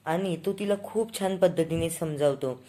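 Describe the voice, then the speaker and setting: Woman recap narrator, chatty and casual, lowish pitch. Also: moderate pace, warm tone, a little hiss or hum. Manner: chatty, storytelling. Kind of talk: casual plot retelling.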